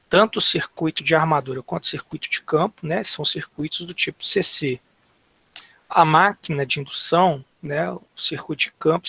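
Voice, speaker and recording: Halting husky male lecturer. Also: fairly high pitch, a bit bright. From Brazil. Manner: halting, fills nearly every phrase with tags and restarts. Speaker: university lecturer. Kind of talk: online engineering lecture.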